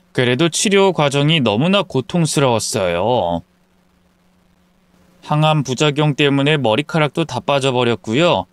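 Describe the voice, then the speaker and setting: A male storyteller reads a first-person account in a calm, confiding way. His voice is smooth and moves a lot in pitch, with a dry, close sound. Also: no room sound.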